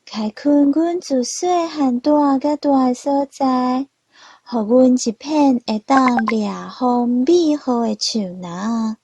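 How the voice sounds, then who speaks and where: A woman's voice: high voice, slow pace, dark tone, husky, no room sound, lo-fi sound, exaggerated voice. A woman voicing an outspoken young male leopard cat in a storybook tale, earnest and pleading. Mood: earnest speech. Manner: earnest, pleading, speech-making.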